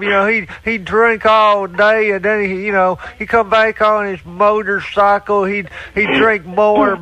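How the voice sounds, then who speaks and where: A man's voice: high-pitched, bright, forceful tone, poor audio. A man voicing a dim-witted, whiny little-brother character in a prank call, stammering and repeating words in broken grammar with a dopey cartoonish voice.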